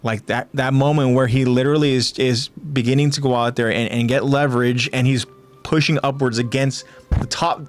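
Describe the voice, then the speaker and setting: A man's voice: mid-range voice, fairly even intonation, moderate pace, faint music behind. A man co-hosting a podcast in casual chat, rambling and repeating words as he talks through a scene. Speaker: podcast co-host.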